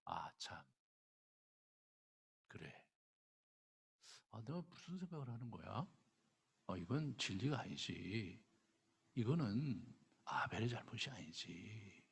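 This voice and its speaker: Casting: a pastor playing jealous young Cain, gravelly husky voice, half-whispered confession. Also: male voice, a little high, sing-song, unhurried, voice pushed up, heavily acted. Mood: remorseful. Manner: hushed, confessional, sometimes whispered. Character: resentful jealous young man Cain, brooding. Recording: long church hall reverb.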